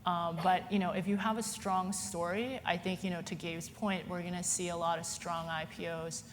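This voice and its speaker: A Hong Kong woman speaks on a conference panel at a moderate pace, chatting casually with many "you know"s and restarts. Her fairly low voice stays flat. A long hall reverb sits over a faint hiss.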